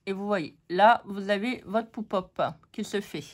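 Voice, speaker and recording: Slow-talking, joking woman crafter. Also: medium pitch, fairly even intonation. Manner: joking, playful, teasing the viewers. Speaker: card-making tutorial host. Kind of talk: casual crafting tutorial.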